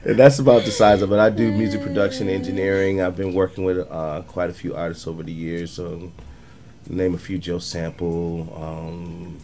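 A man's voice: deep voice, little pitch movement, normal speed. A man from Western New York, a guest musician on a radio talk show, laid-back and joking. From Western New York, United States. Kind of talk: casual talk show self-introduction. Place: small radio studio. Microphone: studio mic with headphones. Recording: music playing in the background.

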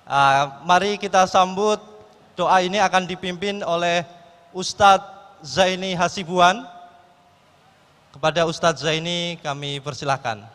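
A man works as MC at a live stage event. His voice is fairly high and comes through with a long hall echo. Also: steady tone, measured pace, pauses often, a bit bright. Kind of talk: stage hosting. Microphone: handheld microphone.

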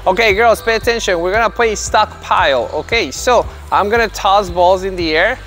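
A man in his thirties with a fairly high voice leads a children's tennis lesson. He switches between explaining drills to parents and calling out upbeat, encouraging commands to the kids. Faint music plays under his voice on a large indoor court. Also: normal speed, a bit bright. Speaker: tennis coach. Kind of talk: instructional video narration.

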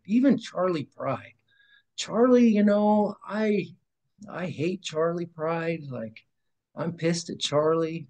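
A podcast guest in his fifties gives an emotional personal testimony over a video call webcam from a room at home with a framed picture on the wall. His voice is a little high and a little mellow. He rambles earnestly, restarting sentences and suddenly dropping in volume.

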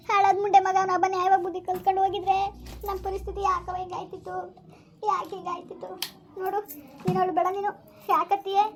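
An older village mother-in-law, played by a woman speaks fast and bluntly in a high, flat voice. She is firm and coaxing, consoling her daughter-in-law while cursing the gossips. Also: slight background noise. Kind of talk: village family drama acting.

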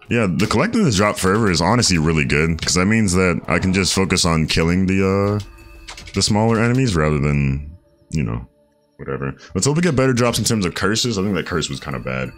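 A man streaming a game, chatting casually, reading chat aloud and thinking out loud. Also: sits low. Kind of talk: casual gameplay commentary.

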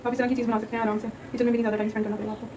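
A young woman runs a home cooking channel and talks through a recipe step by step from her home kitchen, chatty and homely with plenty of fillers, as a casual tutorial voice-over. Her voice is fairly high and warm with little pitch movement, and she races along. There's a little hiss or hum in the audio.

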